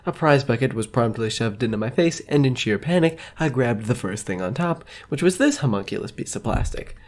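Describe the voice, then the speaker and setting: A man's voice: mid-range voice, expressive, fairly quick. A man giving casual scripted narration as a video creator, with a wry, self-mocking manner. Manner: wry, self-mocking, mock-grandiose wording.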